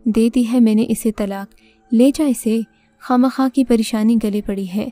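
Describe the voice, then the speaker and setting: A woman's voice: fairly high pitch, steady tone, mellow, no echo, faint music behind, close to an everyday voice. A woman reading a scornful, drunken husband. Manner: scornful, muttering. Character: drunken, contemptuous husband, abusive.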